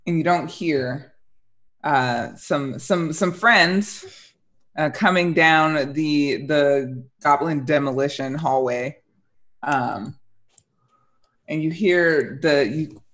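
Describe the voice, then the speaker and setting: A young woman narrating an improvised tabletop game as dungeon master, conversational and halting, on a headset call. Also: low-pitched, a bit bright. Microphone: headset on a video call.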